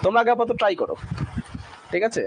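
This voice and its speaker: A high-voiced man runs a classroom English lesson. He breaks long words into slow syllables, keeps checking in with the class, and a faint hiss of noise sits under his voice. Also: vocal fry. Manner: drills pronunciation slowly syllable by syllable, often asks "ঠিক আছে?". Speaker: English teacher.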